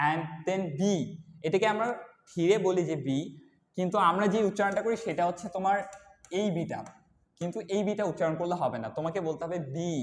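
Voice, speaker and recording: Young man, high-pitched, patient kids' lesson, echoey room. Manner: explains slowly, repeats letters one by one. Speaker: English teacher. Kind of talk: classroom lesson for kids. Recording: echoey room with long reverb.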